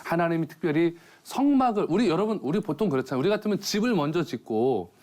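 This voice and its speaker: In a TV studio, a male pastor preaches a sermon built around a joke story, speaking in a chatty, storytelling style and posing questions to listeners. His voice is fairly high, expressive, quick and a little mellow.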